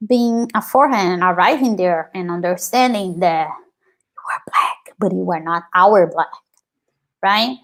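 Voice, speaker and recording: Speaking on the low side and a little slowly, this Brazilian woman in her thirties has a fairly bright tone and a Brazilian Portuguese accent. As an interview guest, the activist and scholar recounts her personal story earnestly and reflectively, using "like" a lot.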